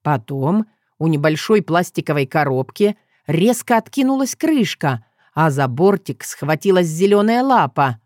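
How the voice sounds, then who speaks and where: A woman narrating an audiobook in a playful, expressive storytelling manner. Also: deep voice, measured pace, no echo, studio quality. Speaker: audiobook reader.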